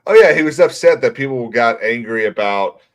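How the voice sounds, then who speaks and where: A man, hosting a casual gaming chat, blunt and quick to laugh. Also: mid-range voice. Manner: relaxed, blunt, laughs easily. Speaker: podcast host.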